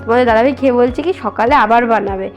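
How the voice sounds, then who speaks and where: A woman's voice: fairly high pitch, very fast, dull audio, soft background music. A young woman, chatting casually with viewers in a home vlog, full of fillers. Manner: chatty, many fillers, addresses viewers as guys; speaks softly so as not to wake her baby. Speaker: vlogger. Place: home kitchen and bedroom, indoors.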